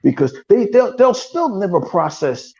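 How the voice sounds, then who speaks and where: A man with a gravelly, fry-heavy voice, talking about games on a casual podcast. His pitch swings widely as he rants, heated and profane, slipping into mocking voices. The sound is dull and lo-fi. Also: very animated, normal speed, darkish tone. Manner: heated, ranting, mocking impressions. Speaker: podcast co-host. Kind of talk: casual profane gaming talk.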